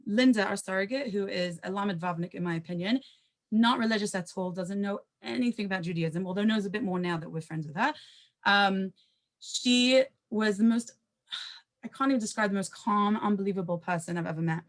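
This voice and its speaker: A woman on a panel telling a personal story, talking quickly and conversationally, with asides and self-corrections and Hebrew terms mixed in. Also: mid-range voice.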